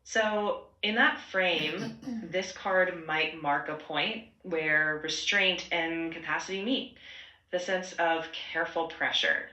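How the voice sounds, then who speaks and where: A woman's AI assistant voice, low-pitched yet bright and forward. It answers in measured, concise, reflective phrases. The playback rings with clear room echo. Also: muffled recording. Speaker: AI chatbot voice assistant. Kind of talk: conversational assistant replies.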